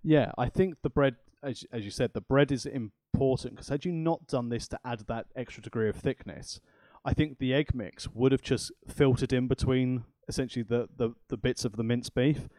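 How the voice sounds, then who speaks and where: Co-hosting a cooking podcast, this man chats and rambles casually, often poking fun at himself. He talks at a normal speed in a mellow, medium-pitched voice, captured in a dry recording.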